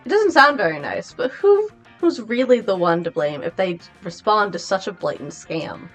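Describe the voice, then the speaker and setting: A young woman reads game text aloud and chats with a friend, her voice bouncing through a wide, lively range. She sounds playful and expressive, with a faint trace of music behind her. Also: medium pitch, moderate pace. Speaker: gamer. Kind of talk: casual gameplay chat and reading game text aloud.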